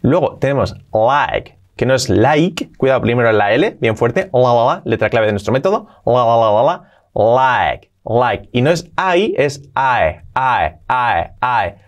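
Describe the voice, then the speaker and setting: A man from Spain with a Spanish accent, teaching English pronunciation and repeating phrases slowly for drilling. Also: medium pitch, sing-song. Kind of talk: pronunciation lesson.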